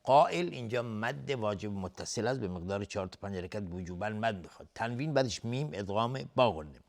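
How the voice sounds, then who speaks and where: A man teaching tajweed, slowly chanting verse phrases and then briefly explaining the pronunciation rules, sometimes trailing off into a whisper. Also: on the low side, lively intonation. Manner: drawn-out chanted recitation alternating with quick explanation. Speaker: Quran recitation teacher. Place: television studio.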